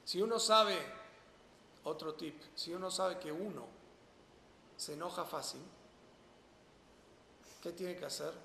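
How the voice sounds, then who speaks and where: This is a man with a Rioplatense accent teaching a religious lesson, pitched high and heavy with gravelly fry. He keeps asking his listeners questions and answering them himself. The sound is an echoey hall with a long reverb tail and faint noise behind. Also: takes it slowly, pauses often, sharp tone. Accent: Rioplatense Spanish. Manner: poses rhetorical questions, then answers them emphatically. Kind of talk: Torah lesson to a small audience.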